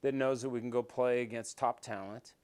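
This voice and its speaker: Older male interview guest, smooth resonant voice, mid pitch, rambling storyteller who warms up as he goes. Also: a little fast. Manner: rambling with many restarts and fillers, grows animated telling stories. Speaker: interview guest, former quarterback.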